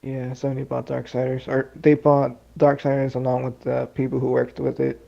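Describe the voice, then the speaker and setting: Gravelly young man, dull lo-fi sound. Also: mid-range voice, completely flat delivery, a little fast. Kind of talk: casual chat.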